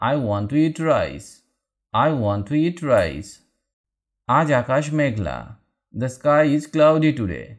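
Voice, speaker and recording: A man teaching spoken English, reading each short sentence and then repeating the English slowly and deliberately. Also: mid-range voice. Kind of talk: slow read-aloud drill lesson.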